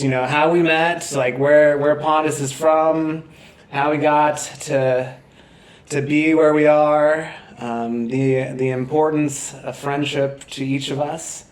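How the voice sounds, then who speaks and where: Male podcast host, casual and halting, slow delivery, echoey room sound. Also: a little high. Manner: excited and halting, many fillers and restarts.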